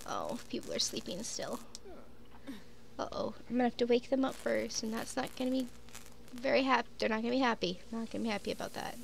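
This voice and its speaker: An expressive young woman, a gaming YouTuber who's sniffly with a cold, speaks a little fast while narrating her life-sim game and chatting to her sims, full of "like" and "um." Her voice is on the high side with vocal fry. The recording is rough, with slight background noise.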